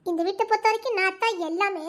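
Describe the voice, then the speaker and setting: A woman's voice: very high voice, quick pace. An actress playing a bossy young village woman who scolds and mocks without holding back. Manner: sharp-tongued, scolding, mocking. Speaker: actress in a short romance drama. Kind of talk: dramatic village romance acting.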